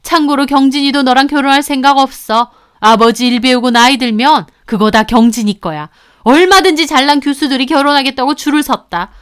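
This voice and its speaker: Brief: woman voicing a snobbish middle-aged mother, high piercing shriek, smooth clean voice. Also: fairly quick, lightly acted. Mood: scornful. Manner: shrieking, belittling. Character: shrill scornful middle-aged rich mother.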